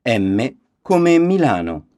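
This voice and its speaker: Man, spelling out the alphabet, animated intonation, dry studio-like sound, language course reading. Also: medium pitch, drawn-out words, dry recording. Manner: spelling it out, letter then example word. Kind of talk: scripted language lesson recording.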